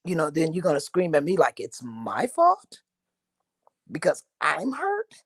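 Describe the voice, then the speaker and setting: A woman's voice: low-pitched, wildly swooping pitch, measured pace, slightly rough, no room sound, studio quality. A woman on a reality TV review panel, talking candidly and often saying "you know". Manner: candid, drops into quoted asides, frequent "you know". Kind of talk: casual reality TV review chat.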